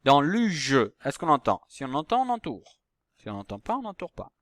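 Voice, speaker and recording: A man teaching a recorded phonics lesson to young pupils, saying each example word slowly and patiently. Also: on the high side, wildly swooping pitch, fairly bright tone, no echo, studio quality.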